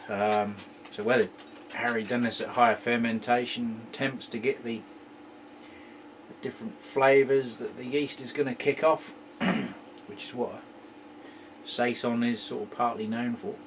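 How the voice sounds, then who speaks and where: Casting: man, homebrew vlogger, rambling and jokey, mid-pitched voice, faint hiss behind. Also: steady tone, unhurried. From England. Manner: rambling, joking, throat-clearing. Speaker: homebrew video host. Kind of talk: casual homebrew tasting chat.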